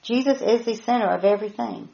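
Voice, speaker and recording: A middle-aged woman teaching a Bible study to a small group, stressing key words by repeating them slowly and emphatically. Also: fairly high pitch, vocal fry, warm tone. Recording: roomy, dull lo-fi recording.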